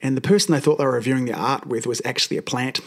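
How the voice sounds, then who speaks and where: Croaky Australian man hosting a podcast. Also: mid-range voice, rapid-fire. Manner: chatty, addresses listeners directly, emphatic phrasing. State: croaky voice from a cold. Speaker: podcast host, chiropractor. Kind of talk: solo podcast talk, explanatory.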